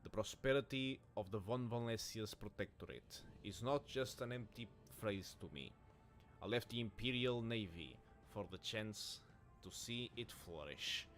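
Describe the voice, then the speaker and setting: A man's voice: lowish voice, measured pace, a bit bright, faint music behind. A man voicing a stern, proud older male seneschal and former navy officer, who speaks in a formal, reproachful way. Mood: earnest.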